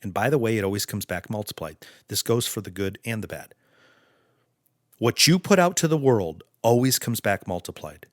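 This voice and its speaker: A male podcast host giving an earnest, preachy motivational monologue in slow, deliberate phrases. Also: lowish voice, animated, no echo, studio quality.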